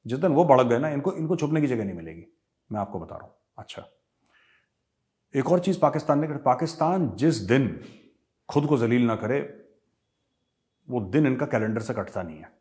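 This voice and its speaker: Middle-aged male host, mid-range voice, forceful and opinionated, mixing in English lines. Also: mid-range voice, very animated, normal speed, long pauses. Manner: emphatic, mixes English phrases into Hindi. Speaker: show host and commentator. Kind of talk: opinionated commentary.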